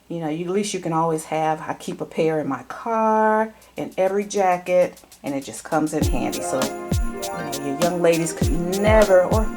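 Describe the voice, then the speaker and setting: Lady vlogging gift basket ideas, lowish voice, music under it, rambly and chatty. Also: darkish tone. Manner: chatty, repeats herself, many fillers. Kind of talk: casual show-and-tell vlog. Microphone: handheld camera she operates herself.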